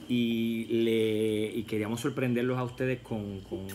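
A man's voice: mid-range voice, flat delivery, measured pace, heavy background noise. A man in his thirties from Puerto Rico with a Puerto Rican accent, hosting a family vlog in a playful, mock-serious joking way. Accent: Puerto Rican Spanish. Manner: playful, mock-solemn comic. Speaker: vlog host, father. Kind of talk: casual family vlog chat.

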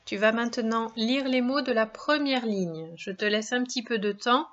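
A woman's voice: a little high, moderate pace, lo-fi sound. A woman teaching a children's reading lesson, speaking patiently and encouragingly and stretching out each word and syllable. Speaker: primary school reading teacher. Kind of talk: slow, clearly articulated reading lesson for young children.

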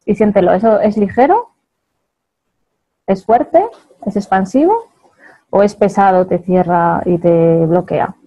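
A woman's voice: medium pitch, measured pace, long pauses, dark tone, highs cut off. A woman with a Spain Spanish accent giving a chatty motivational talk to an audience, laughing often and checking in with her listeners.

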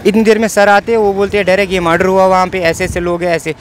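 A young man with a Kashmiri accent tells his story in an earnest, pleading way, often repeating himself. His voice sits high for a man. Faint street traffic hums behind him outdoors. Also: flat delivery, fast talker. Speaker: interviewee, assault victim. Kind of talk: emotional eyewitness account.

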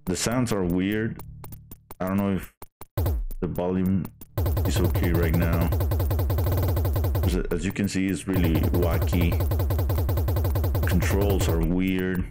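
Hesitant, deep-voiced male streamer. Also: flat delivery, slow, pauses often, over music. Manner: hesitant, many fillers and restarts. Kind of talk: casual game stream chat.

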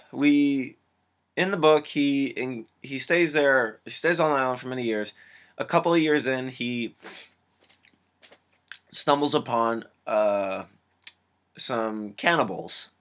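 A man's voice: mid-range voice, fairly bright tone. A young man reviewing a film casually, rambling and sarcastic with many restarts.

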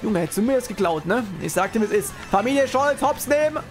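Excitable man yelling at a race. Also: fast talker, soft background music. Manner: excitable, swings from low mutters to high-pitched yelling at the game; chatty, greets and answers viewers. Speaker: streamer. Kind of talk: live gameplay commentary and chat reading.

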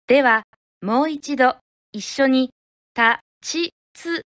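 A woman from Japan teaching pronunciation, speaking clearly and deliberately and modeling each syllable one at a time. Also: high-pitched, no room sound, studio quality. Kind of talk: slow, careful teaching of pronunciation.

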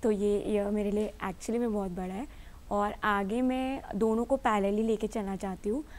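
A woman's voice: mid-range voice, fairly even intonation, normal speed, a little mellow. A woman answering interview questions as an actress and entrepreneur, earnest and matter-of-fact.

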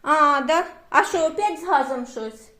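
Chatty high-voiced older woman. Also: moderate pace, bright, forceful tone. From Ukraine. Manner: chatty, cooing affectionately at her dog. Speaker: vlogger. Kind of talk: casual home vlog chat. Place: indoors at home, then at a neighbor's house.

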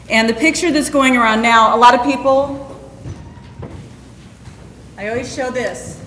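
A woman's voice: on the high side, fairly bright tone. A middle-aged woman from Northeast Nebraska giving an earnest, direct personal testimony at a school conference, acting out the dialogue she quotes. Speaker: conference speaker. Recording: echoey hall, long reverb.

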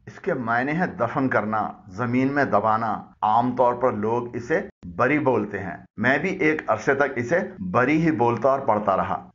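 Man calmly explaining word pronunciations. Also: mid-range voice, highs cut off. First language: Urdu. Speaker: language teacher. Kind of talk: explanatory lesson.

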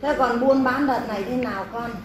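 A woman acting as a spirit medium, speaking as a deceased mother, in a scolding, motherly, rapid way. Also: a little high. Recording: echoey room with background noise.

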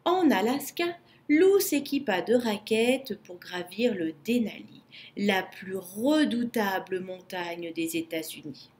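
A woman narrating a children's storybook in a slow, expressive way. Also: mid-range voice.

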